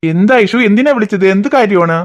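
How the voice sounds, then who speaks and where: A woman's voice: mid-range voice, fast, lightly acted. A woman voicing a teasing, good-natured cartoon father who talks in a jokey, playfully bossy way. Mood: calling. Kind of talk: cartoon voice acting.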